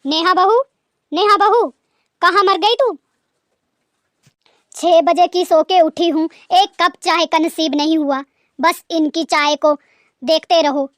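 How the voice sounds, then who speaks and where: A woman voicing a harsh older mother-in-law who scolds loudly and talks sharply. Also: extremely high pitch, moderate pace, dry recording, clean studio sound. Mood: scolding. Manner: loud, scolding, sharp-tongued.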